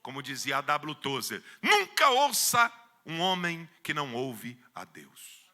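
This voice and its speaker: A male pastor with a Brazilian Portuguese accent preaches a sermon in church, telling a story and acting out the voices in it, and he rises to loud emphatic peaks. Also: on the high side, huge pitch swings, a little slow.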